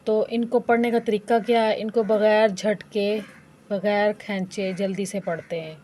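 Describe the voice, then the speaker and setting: A woman Quran reading teacher with a Pakistani Urdu accent, giving a patient lesson that drills letters and vowel marks syllable by syllable in a measured chant. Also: mid-range voice, level tone, darkish tone, slight background noise. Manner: patient, explains rules briefly then drills each letter in a measured chant. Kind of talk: slow syllable-by-syllable recitation lesson.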